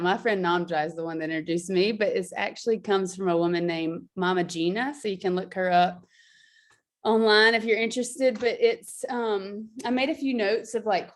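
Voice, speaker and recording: A woman explaining a movement practice in casual chat, talking loosely with frequent fillers and laughs. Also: mid-range voice. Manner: chatty, laughs often, many fillers. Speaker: guest teacher.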